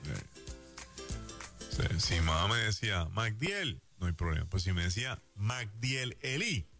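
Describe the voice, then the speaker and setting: Deep gravelly Puerto Rican preacher. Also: male voice, normal speed, soft background music. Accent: Puerto Rican Spanish. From Puerto Rico. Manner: lively storytelling that acts out quoted voices. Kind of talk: sermon.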